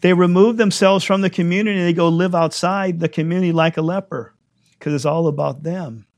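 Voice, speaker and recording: A man leading prayer and preaching a sermon, his voice hoarse while it recovers, given to emphatic repetition. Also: high-pitched, fairly even intonation, fairly quick, darkish tone. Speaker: congregation leader.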